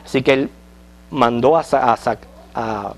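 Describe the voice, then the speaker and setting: A man's voice: medium pitch, a little slow. A man teaching a Sunday school Bible lesson in a conversational way. He checks in with the class often and tells light jokes. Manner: conversational, checks in with listeners with frequent questions.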